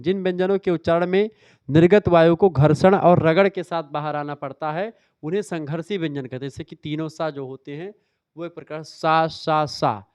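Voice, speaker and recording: A man's voice: on the high side, darkish tone, clean tone, no room sound, studio quality. A male teacher giving an exam revision lecture, explaining step by step and checking in with "theek hai". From northern India. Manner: explanatory, repeats "ठीक है" often.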